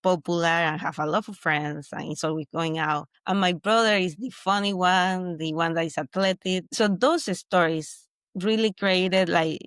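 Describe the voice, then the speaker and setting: A woman's voice: on the low side, steady tone, moderate pace, a bit bright, smooth, no room sound. Venezuelan woman guest, earnest and reflective. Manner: earnest, reflective, with frequent restarts. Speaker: mindset coach guest. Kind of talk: interview conversation.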